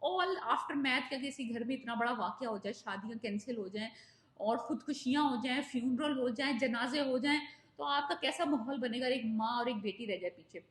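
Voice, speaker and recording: Brief: female drama reviewer, high voice, chatty and opinionated, echoey room. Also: normal speed. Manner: chatty, opinionated, mixes in English phrases. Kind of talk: casual recap vlog.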